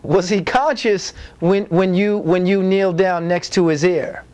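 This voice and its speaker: An actor doing a stiff, formal TV interviewer with a high voice, pressing his questions again and again. He keeps restarting mid-question in this comedy sketch interview. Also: a little slow, a little mellow, clean tone, muffled recording. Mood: earnest. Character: stiff, persistent male TV interviewer.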